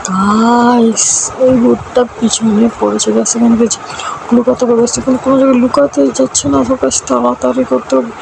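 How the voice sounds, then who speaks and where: A scared, excited horror game streamer, commenting on play and urgently repeating words. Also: mid-range voice, fairly quick, gravelly, noisy background. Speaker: gaming streamer. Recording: music under the voice.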